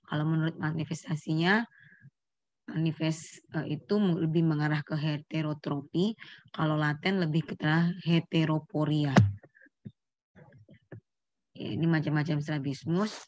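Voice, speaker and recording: A middle-aged woman with a low, dry voice delivers a medical lecture to students. She explains term after term, quizzes the class, and corrects herself mid-phrase. The recording sounds dull and lo-fi. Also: a little mellow, no echo. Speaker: neurology lecturer.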